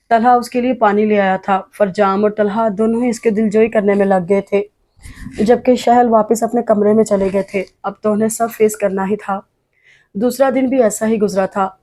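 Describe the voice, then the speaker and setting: Woman reading a novel out loud, flat and steady, warm dark tone. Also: medium pitch. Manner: even, measured reading. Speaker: audiobook narrator. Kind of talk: scripted narration of a romance novel.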